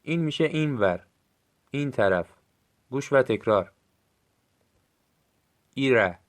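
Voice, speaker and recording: A Gilaki-accented man teaches a recorded language lesson, pronouncing brief phrases slowly and distinctly for learners to echo back. His pitch is medium and his intonation lively.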